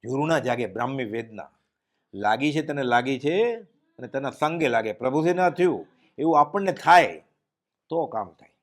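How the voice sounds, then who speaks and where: A man giving a devotional discourse, telling stories and dropping his voice low and quiet at solemn moments. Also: expressive, moderate pace. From Gujarat, India. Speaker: spiritual speaker giving a discourse.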